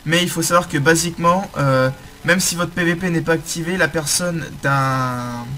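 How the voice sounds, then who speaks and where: Bright-voiced man talking through a game tutorial. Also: fairly high pitch, normal speed. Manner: hesitant, many fillers and self-corrections. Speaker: game guide host.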